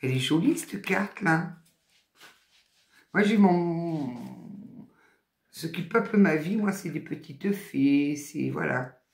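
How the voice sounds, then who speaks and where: A woman in her fifties with a Southern French accent gives a casual spiritual card reading. She chats and exclaims, then reads each card's text slowly aloud. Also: low voice, vocal fry. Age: 50s. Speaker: oracle card reader. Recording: echoey room.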